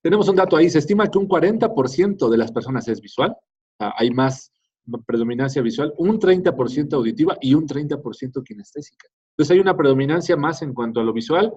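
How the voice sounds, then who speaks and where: A fast-talking male teacher with a slightly high, somewhat mellow voice, lively intonation and a breathy edge lectures his class conversationally. He frequently adds "¿no?" to check in with students, in a dull lo-fi classroom recording.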